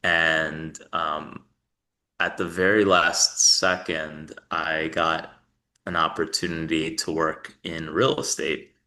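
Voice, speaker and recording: Speaking as a podcast guest in a casual interview, this young company founder from New York is easygoing and loose, full of "um"s and restarts. His very low voice stays level yet carries a bright, forceful edge, and he takes things slowly.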